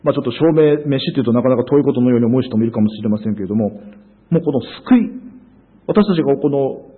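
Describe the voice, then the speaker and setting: Man preaching earnestly, husky voice, thin phone-like sound, lots of little pauses. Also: medium pitch, expressive. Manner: earnest, emphatic preaching with frequent hesitations. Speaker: pastor. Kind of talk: sermon.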